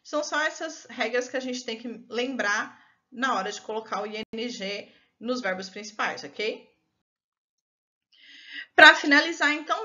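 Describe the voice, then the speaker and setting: A woman's voice: high voice, bright, forceful tone. A woman with a Brazilian Portuguese accent, an English teacher patiently explaining a recorded online lesson step by step. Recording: dull lo-fi recording.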